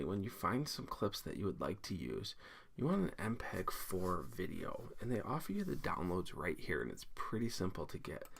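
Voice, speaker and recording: At his computer, a teacher records a screencast tutorial for software, casually walking through each step and thinking aloud. He has a low, gravelly voice with a breathy edge.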